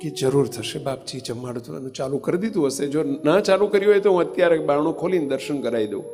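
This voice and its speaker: A man's voice: on the high side, quick pace. A man telling a story in a sermon, acting out the voices of the people in it. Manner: animated storyteller, acting out quoted dialogue. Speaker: swami preacher. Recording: reverberant hall with faint music.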